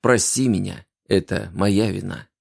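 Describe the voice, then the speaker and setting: A man playing a weary grown man who answers slowly and sullenly. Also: sits low, steady tone, creaky, breathy edge, dry recording, studio quality, heavily acted. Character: weary grown man, town protector, calm lover.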